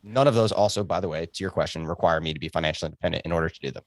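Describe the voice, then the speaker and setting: Doctor guy guesting on a podcast, rattles along fast, lowish voice, super dry sound. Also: no echo. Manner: fast, emphatic, joking. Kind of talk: casual podcast conversation.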